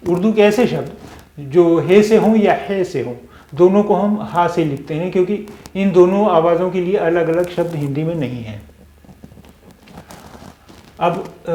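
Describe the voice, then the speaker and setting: A man gives a slow, deliberate language lesson. He sounds out syllables one by one and pauses often. His voice sits a little high, and the room around him echoes. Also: a little mellow. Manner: patient, repeats sounds and syllables slowly, many pauses and fillers. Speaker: language teacher.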